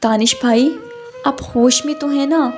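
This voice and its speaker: A woman's voice: sits high, fairly even intonation, darkish tone, faint music behind, close to an everyday voice. A woman voicing a wronged young woman who scolds angrily in a read-aloud story. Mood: alarmed, angry. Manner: angry, scolding.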